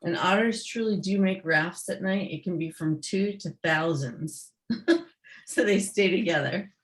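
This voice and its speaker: A woman's voice: on the low side, unhurried, poor audio. Woman reading a children's book aloud. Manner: reads aloud with short explaining asides. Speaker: author reading her book. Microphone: video call.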